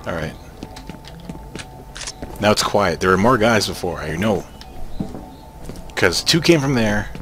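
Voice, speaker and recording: Excitable young man narrating gameplay. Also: on the low side, slow pace, pauses often. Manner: excitable, swearing, jokey outbursts. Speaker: gaming channel host. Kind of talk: casual gameplay commentary.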